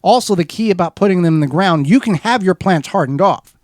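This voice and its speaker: Guy on a garden radio show walking thru steps, kinda high voice, dead dry studio mic. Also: fairly quick, no room sound. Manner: steady, methodical how-to explaining with small restarts. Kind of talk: explanatory radio chat.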